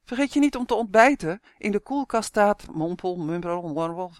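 A storybook reader voicing a worried mother who calls out loudly over a faint phone line, in a dry recording. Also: mid-range voice, animated, fairly quick, no echo, natural voice. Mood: calling loudly. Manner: raised, calling out loudly. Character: worried mother, taxi driver, calling.

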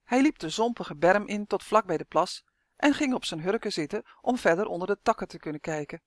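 A narrator reading a children's novel aloud as an audiobook, telling it in a steady, expressive way. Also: mid-range voice, brisk, no echo.

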